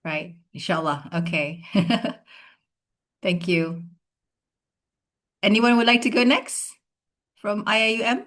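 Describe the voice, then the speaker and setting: A woman's voice: mid-range voice, slow, pauses often, a bit bright. A woman hosting an online seminar, chatty and friendly, often laughing as she calls on participants. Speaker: online session host.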